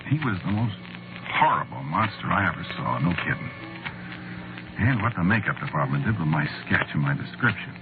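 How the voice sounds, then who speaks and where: A low-voiced American actor narrates and plays the lead in a 1940s radio drama, portraying a wry, put-upon screenwriter. His first-person narration is halting, conversational and sardonic. The old radio recording sounds muffled and noisy.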